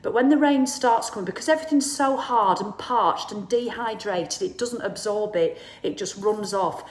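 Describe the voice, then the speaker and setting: A woman's voice: mid-range voice, moderate pace, reverberant. A woman, talking casually and bluntly to viewers as the host, acting out the people she quotes. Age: 50s. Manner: chatty, blunt, swears, acts out quoted people. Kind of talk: casual live talk to viewers.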